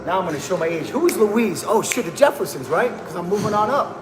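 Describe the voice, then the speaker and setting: Talking fast in a high voice full of big pitch swings, this livestream host keeps things casual and hyped, tossing out slang and calling his viewers "bro" and "man." Crowd noise and background music fill the echoey room.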